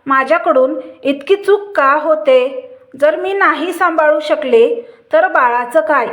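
A woman reading as a worn-out young mother, high and soft-voiced, slow and pleading, doubting herself at every turn. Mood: despairing. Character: exhausted young new mother, hurt and guilt-ridden.

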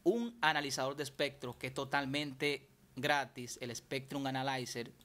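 A man's voice: medium pitch, normal speed, a bit bright. A man giving a casual tutorial on mixing vocals, chatty and repeating himself as he explains. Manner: chatty, repeats and restarts phrases while explaining. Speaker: music producer teaching vocal mixing.

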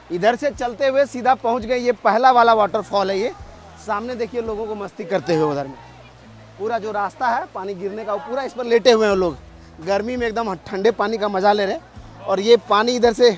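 A man giving lively travel-vlog commentary outdoors on a forest trail by a waterfall, talking straight to viewers and chatting with people he meets. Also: high-pitched. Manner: lively, addresses viewers directly, chats with passers-by. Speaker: travel vlogger. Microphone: camera filmed by a companion while walking.

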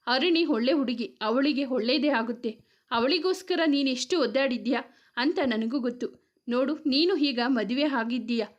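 A caring mother-in-law from a storybook, gently coaxing her family, as a woman reads her. The voice is high and motherly, soft and patient. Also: highs cut off, lightly acted.

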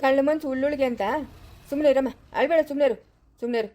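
A woman's voice: sits high, steady tone, quick pace, dark tone, lightly acted. A woman playing a stern but kindly elder brother-in-law who owns a farm, scolding and soothing in a family drama. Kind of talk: amateur family drama acting.

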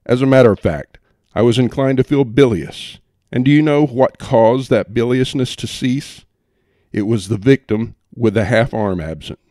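A man's voice: medium pitch, moderate pace, dark tone, no echo, clean studio sound. A man reading a humorous first-person story aloud, with a wry, theatrical delivery. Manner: wry, theatrical delivery with playful voices for quotes. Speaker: audiobook narrator.

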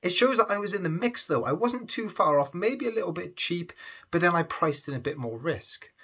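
A slightly rough, fairly high, somewhat bright male voice belongs to a thirtysomething eBay reseller. Surrounded by shelves of toys in a storage room, he talks casually and cheerfully to camera about what he's resold.

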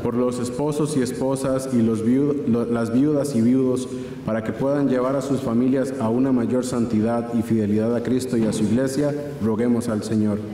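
A man's voice: mid-range voice, fairly even intonation, moderate pace, a loud crowd. Man reading prayers in cathedral echo. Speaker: reader of prayer intentions. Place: large church, indoors. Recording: cathedral echo, long church reverb.

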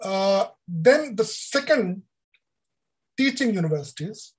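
Older man, Indian English accent, husky voice, video-call lecture, measured explaining. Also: high voice, lively intonation, low-quality recording. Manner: deliberate, explanatory, with frequent uh fillers. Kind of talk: online lecture on education policy.

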